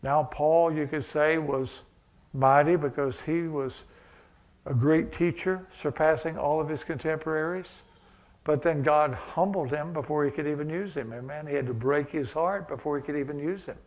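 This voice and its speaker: A man's voice: a little high, normal speed. A male pastor preaching a sermon, mixing conversational asides with rising, emphatic passages.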